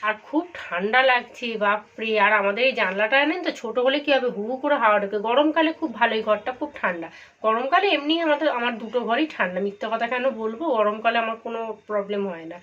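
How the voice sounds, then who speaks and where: Chatty hoarse Bengali woman vlogger. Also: fairly high pitch, quick pace, a bit bright, dull audio. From India. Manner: chatty, confiding, addressing viewers directly. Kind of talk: casual home vlog narration. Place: home kitchen indoors.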